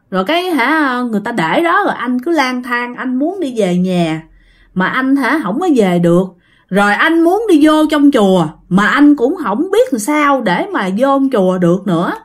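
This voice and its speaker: Woman doing a scornful young male ghost. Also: high voice. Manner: scornful and rude, then pleading. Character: restless young male ghost possessing a girl.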